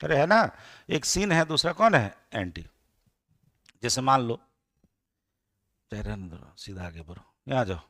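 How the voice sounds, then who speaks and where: A man's voice: mid-range voice, sing-song, measured pace, long pauses, a bit bright, no echo. A man from India teaching a chemistry class, asking his students the same question again and again and mixing English terms into his Hindi. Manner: drills students with repeated questions. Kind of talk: classroom lecture.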